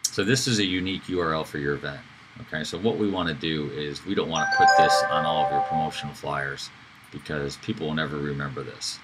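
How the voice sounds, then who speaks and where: Deep-voiced man walking through a tutorial. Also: fairly even intonation, fast, music in the background, poor audio. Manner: casual, with fillers and self-corrections. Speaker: instructor. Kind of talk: screen-recorded software tutorial.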